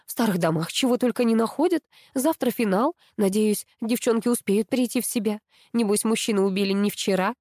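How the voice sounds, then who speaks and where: A woman reading an audiobook and voicing a domineering older mother-in-law who runs a beauty pageant and shouts orders. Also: mid-range voice, brisk, hardly any pauses, no echo, clean studio sound, natural voice. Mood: bossy.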